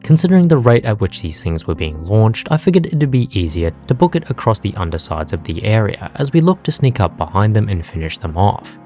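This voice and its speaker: This is a young man narrating a scripted gameplay recap in a low voice that moves up and down freely. His humor is sarcastic and crude, and he delivers it with a deadpan edge. Soft background music runs under his voice. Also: brisk, few pauses. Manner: sarcastic, profane, deadpan jokes. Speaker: gaming video narrator.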